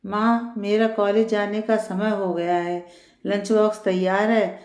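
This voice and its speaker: A woman's voice: mid-range voice, little pitch movement, unhurried, darkish tone, echoey room, natural voice. A woman voicing a grumbling young college student in a storybook reading.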